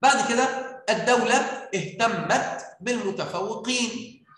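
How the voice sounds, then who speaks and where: A man with an Egyptian Arabic accent teaches a grammar lesson, coaxing answers out of his pupils with question after question. His voice sits high for a man. The sound rings with heavy room echo. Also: normal speed, fairly bright tone. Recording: very echoey room.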